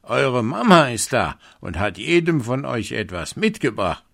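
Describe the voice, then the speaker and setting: A man's voice: mid-range voice, big pitch swings, unhurried, vocal fry, a bit bright, voice pushed up, full character voice. A man voicing a cunning evil wolf in a fairy tale reading, speaking in a sly coaxing way. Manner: sly coaxing, then threatening. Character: cunning evil male wolf, disguising his voice.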